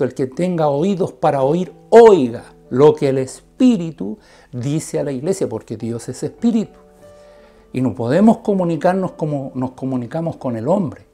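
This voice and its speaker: A preacher giving an earnest sermon, often tagging phrases with a questioning "right?" and stretching key words with sudden loud emphasis. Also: medium pitch. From Chile. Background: faint guitar music.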